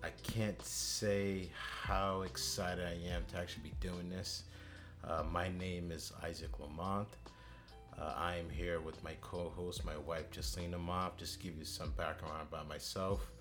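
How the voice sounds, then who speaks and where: A man in his thirties with a very low voice introduces his podcast. He talks earnestly and at a measured pace, often starting with "uh". Soft music sits faintly behind him. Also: level tone. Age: 30s. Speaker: podcast host.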